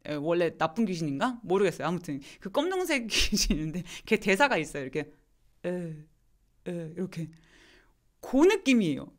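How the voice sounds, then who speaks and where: Her voice lowish and sing-song, a woman slowly models English words in a live online pronunciation class and responds to questions from viewers.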